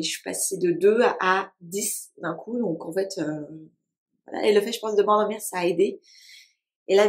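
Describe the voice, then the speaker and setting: A woman in her twenties recounting a personal story, speaking haltingly with many fillers and restarts. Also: mid-range voice. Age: 20s. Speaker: vlogger. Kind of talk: casual storytelling to camera.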